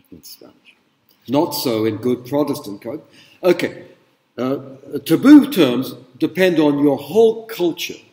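A middle-aged man lecturing in a large hall, his voice booming with long reverb. He talks casually and asks the students questions, using lots of fillers, in a mellow, somewhat high tone. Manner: conversational, rhetorical questions, many fillers. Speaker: university lecturer. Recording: echoey hall, speaker away from mic.

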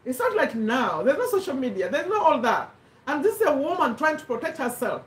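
A middle-aged Ugandan woman, for whom English is a second language, hosts a live business talk from an indoor home room with a bookshelf. Her voice sits high and runs a little fast as she gives an animated motivational speech, repeating points for emphasis. The mic is distant, leaving her slightly off-mic in an echoey room.

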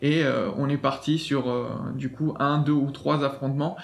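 A man's voice: mid-range voice, steady tone, normal speed, vocal fry, faint music behind. A man hosting a gaming channel, walking through a website in a chatty, enthusiastic way with many fillers and restarts. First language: French. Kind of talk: casual screen walkthrough.

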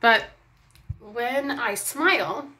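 A woman talks casually to a close camera, her speech thick and careful because her mouth is swollen from surgery. She holds her lower lip down with a finger as she speaks, so her words come out slightly muffled. She pauses and restarts often, fumbling for words. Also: pushed and bright. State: swollen mouth, trouble talking after dental surgery. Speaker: vlogger. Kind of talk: casual vlog talk. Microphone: camera held close.

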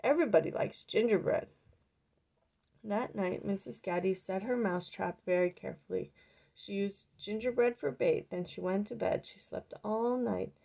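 Casting note: woman storyteller reading a picture book aloud, gravelly and creaky, mid pitch. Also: moderate pace, dark tone.

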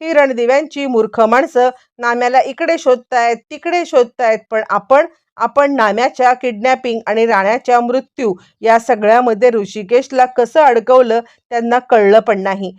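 A woman's voice: a little high, moderate pace, darkish tone, dull audio, lightly acted. A woman voicing a gloating male villain. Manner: gloating, mocking. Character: boastful scheming male villain, middle-aged.

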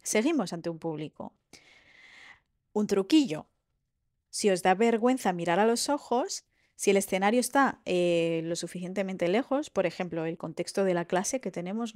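A woman lecturer talks through a recorded university lesson in a lively way, often checking in with her students. Her voice sits at a middle pitch. The sound is close and dry, with no room echo. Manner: lively, explains with checks like "¿vale?" and "¿sí?".

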